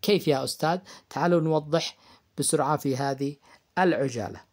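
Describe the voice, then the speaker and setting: Male teacher, high-school grammar lesson, asks and answers his own questions, repeats key terms. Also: brisk, darkish tone. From Yemen. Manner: asks the class questions and answers them himself. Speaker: English teacher.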